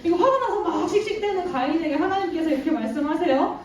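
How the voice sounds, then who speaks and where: A woman's voice: very high voice, expressive, fast, a little mellow. A woman teaching children in Sunday school, telling a Bible story and asking them questions, praising their answers and laughing often. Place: church room with children. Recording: echoey room from far off.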